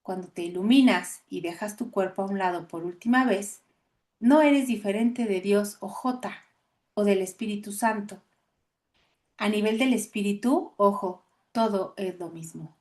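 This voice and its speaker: A woman's voice: mid-range voice, measured pace, darkish tone, voice pushed down, close to an everyday voice. A woman reading as a serene male apostle. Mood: patient.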